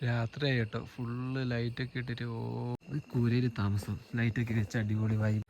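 A man's voice: medium pitch, flat delivery, fairly quick, lo-fi sound. A man with a Kerala Malayalam accent chattily narrating a casual travel vlog to his viewers on a handheld phone. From Kerala, India. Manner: chatty, addresses viewers informally. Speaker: travel vlogger. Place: on the move outdoors and in buses. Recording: loud traffic and engine noise.

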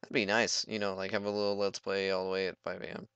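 A man's voice: low voice, little pitch movement, fast, a bit bright, clear, resonant tone, no room sound, dull audio. A young man giving goofy, rambling let's play commentary and talking back to the game.

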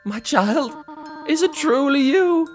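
A man voicing a gentle, motherly goat queen who speaks formally and sentimentally. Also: very high-pitched, lively intonation, slow, voice pushed up, heavily acted. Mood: tender. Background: game music.

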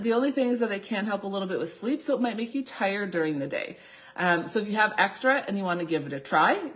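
A woman in her thirties with a slight cold, explaining things as a doctor on an informal live Q&A. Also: mid-range voice. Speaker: naturopathic doctor hosting a live Q&A. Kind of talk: informal live question-and-answer talk. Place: small indoor office, seated at a desk.

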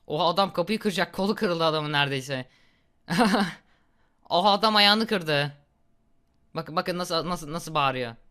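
A young man giving casual, excitable gameplay commentary, reacting loudly and laughing at gory moments. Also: on the high side, moderate pace, long pauses, smooth. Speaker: gaming YouTuber.

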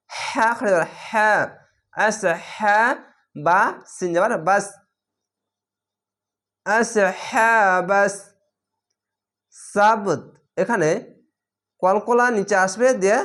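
A man teaching Quran reading in a recorded lesson. He spells words out letter by letter and draws the recited words out slowly. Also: high-pitched. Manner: patient, repetitive instruction.

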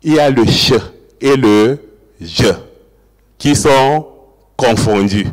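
A man's voice: medium pitch, slow pace. A man giving an academic lecture, explaining and repeating key words and checking with his audience whether they follow. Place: large lecture hall. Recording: long hall reverb.

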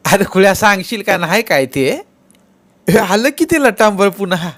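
A man's voice: sits high, expressive, moderate pace, fairly bright tone, voice pushed up. A man voicing the mistress of a village manor, scolding and teasing a servant. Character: bossy older woman of the manor.

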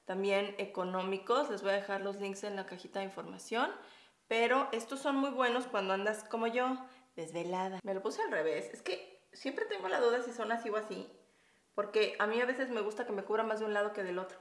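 A woman's voice: mid-range voice, a little fast. A woman with a Mexican accent in her thirties, chatting in a bubbly way with viewers while doing her makeup, laughing often. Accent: Mexican Spanish. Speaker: beauty vlogger. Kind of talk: casual chatty makeup vlog. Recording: echoey room.

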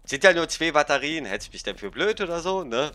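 Guy doing a squeaky fake girlfriend voice, breezy, brushing him off, super bouncy. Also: sing-song, a little fast, bright, forceful tone. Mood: mocking. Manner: high mocking falsetto impression. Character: nagging girlfriend, young woman, breezy and dismissive.

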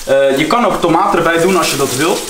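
A man chatting casually in street slang as he cooks, repeating words excitedly. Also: on the high side, a little fast. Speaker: home cooking vlogger. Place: home kitchen with food sizzling. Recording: roomy kitchen, clear background noise.

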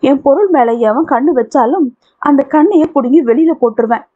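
A woman's voice: sits high, lively intonation, fairly quick. A woman reading the part of a possessive, violent young man in love, in a domineering tone. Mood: threatening. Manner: menacing, domineering. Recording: tinny phone-like audio.

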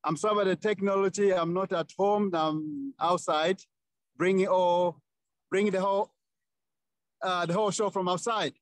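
A man from Tanzania talks in a high voice, stopping and restarting, with many fillers. He joins on a phone video call from outdoors, and the sound is dry and close. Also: fairly even intonation, moderate pace, no echo. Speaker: webinar organizer. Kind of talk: casual introduction. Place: outdoors under trees.

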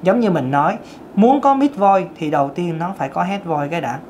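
A man's voice: high voice, animated, a little fast, darkish tone, slight background noise. A man, a vocal coach giving a casual singing lesson and talking straight to his viewers. He demonstrates different vocal registers as he explains them. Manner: chatty, addresses viewers directly.

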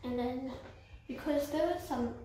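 A young vlogger films a clean-with-me tutorial in a small, carpeted, echoey room, with the camera held at arm's length. She speaks in a high, unhurried voice, chatty and instructive, slipping into quiet asides as she works, while heavy background noise runs underneath.

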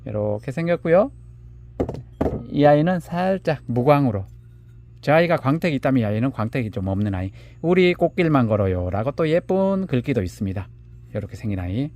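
A man presenting handmade succulent pots for sale, measuring each one aloud and calling the pots "little ones" in a gentle, unhurried way. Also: mid-range voice, sing-song, noisy background. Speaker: seller of handmade plant pots. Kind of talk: product showcase live sale.

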